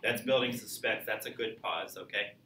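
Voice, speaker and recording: A man's voice: on the low side, moderate pace, pushed and bright, far from the mic, slight background noise. A man teaching a public speaking class, lecturing conversationally and asking students questions. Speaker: college speech instructor. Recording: echoey classroom recorded from afar.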